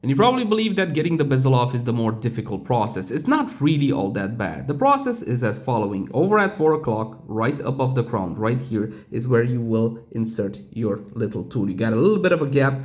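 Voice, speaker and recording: A man's voice: mid-range voice, very animated, a little fast. A man talking through a hands-on watch repair tutorial in a chatty, digressive way with casual asides. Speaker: watch reviewer.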